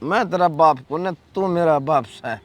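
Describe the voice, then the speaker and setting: A man's voice: on the high side, unhurried, close to an everyday voice. A man playing a stubborn, cheeky middle-aged drunk father in a Haryanvi comedy drama, rambling in a Haryanvi accent. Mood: argumentative.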